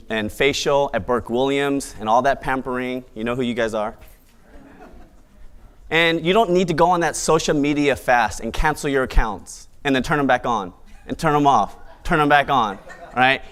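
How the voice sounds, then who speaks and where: A man's voice: mid-range voice, smooth. A man hosting a live event, giving an opening monologue in an upbeat, playful, conversational way. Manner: bright, upbeat event host. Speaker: event emcee and host.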